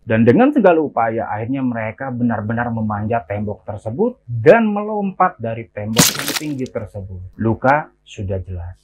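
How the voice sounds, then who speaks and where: A man narrating a horror story in a relaxed, conversational way, now and then calling out to his listeners. His pitch rises and falls a great deal as he tells it. The sound is narrow and phone-like, with a faint hiss behind. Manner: chatty, addresses listeners directly. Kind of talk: casual spoken horror storytelling.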